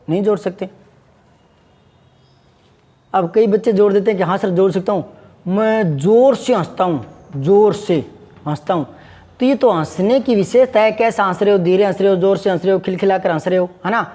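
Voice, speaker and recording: A man's voice: high-pitched, mellow, long reverb tail. A man teaching Hindi grammar, patiently repeating examples and asking his students questions. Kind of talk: classroom lesson.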